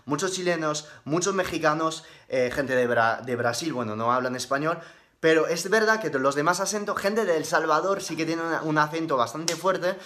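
A man's voice: a little high, normal speed, bright, forceful tone. A man with a Spain Spanish accent hosting a casual live-stream Q&A, chatty and upbeat, tossing in slang like bro. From Madrid, Spain. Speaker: fitness live-stream host.

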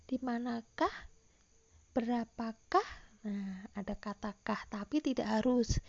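A woman's voice: on the high side, creaky, a little mellow, highs cut off. A woman teacher giving a recorded online lesson to primary school children, patiently explaining and reading example questions aloud.

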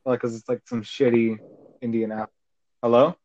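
A man's voice: mid-range voice, level tone, moderate pace, a little mellow, dry recording. A teenage boy co-hosting a casual podcast, rambling with a lot of "like", heard over a phone call. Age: teens. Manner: loose and rambling, lots of "like". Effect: heard over a phone line. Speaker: podcast co-host. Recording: muffled dry phone-call audio.

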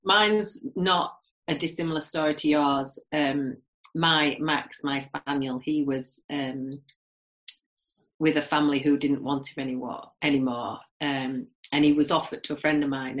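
A woman co-hosting a podcast in casual chat, telling stories in a relaxed way. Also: sits low, unhurried. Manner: relaxed storyteller with fillers. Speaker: podcast co-host.

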